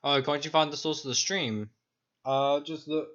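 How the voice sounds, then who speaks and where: A man's voice: on the high side, fairly even intonation, normal speed, a bit bright, lo-fi sound. A young man narrating as dungeon master on a stream, talking in a loose, rambling, self-mocking way. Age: young adult. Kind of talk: narrating a tabletop game on stream.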